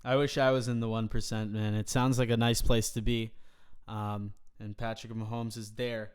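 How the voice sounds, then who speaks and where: A man hosting a sports podcast, talking with mock-grand, deadpan bravado. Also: lowish voice, moderate pace, clear, resonant tone. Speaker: podcast host. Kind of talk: casual sports podcast banter.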